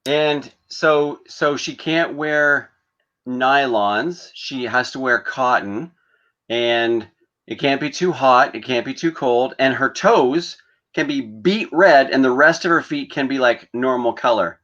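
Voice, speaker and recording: A man of middle pitch with a bright voice trades dry, teasing jokes in a casual online chat. His audio sounds dull and lo-fi, like a muffled stream feed. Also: slow. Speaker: guest cohost comedian.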